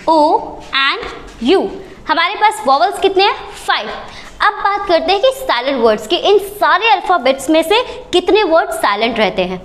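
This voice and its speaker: Standing at a whiteboard, a woman teaches English, spelling out letters one by one and posing questions that she answers herself. Her voice is high-pitched and fairly bright.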